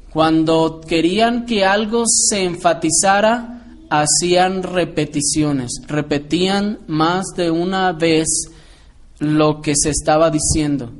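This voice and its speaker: A man's voice: fairly high pitch, slight background noise. A man preaching a Bible lesson to a congregation, explaining patiently and asking the listeners rhetorical questions. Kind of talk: sermon-style Bible teaching.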